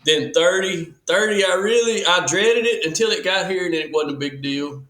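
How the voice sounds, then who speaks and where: Speaking at normal speed, a forties-aged man with a high-sitting, sharp-toned voice chats casually as a podcast guest. The easygoing, folksy talk is full of restarts, captured in an echoey room.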